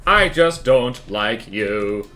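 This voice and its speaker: A man's voice: mid-range voice, expressive, drawn-out words, bright, forceful tone, soft background music, full character voice. A man doing a robot voice as a cold dystopian manager who barks clipped orders at workers. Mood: commanding. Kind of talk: mock robot impression while drawing.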